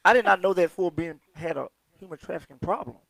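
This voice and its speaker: A man's voice: sits high, fast, creaky, fairly bright tone, dry recording, rough recording. A man hosting and joking around, often restarting his sentences. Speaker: host. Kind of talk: casual chat.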